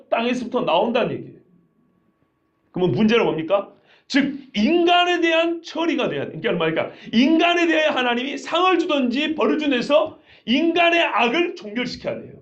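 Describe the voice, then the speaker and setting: A man preaching a sermon to his congregation in a lively, conversational way, with many rhetorical questions. His voice sits high and moves a great deal in pitch. The recording is somewhat dull and muffled. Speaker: pastor.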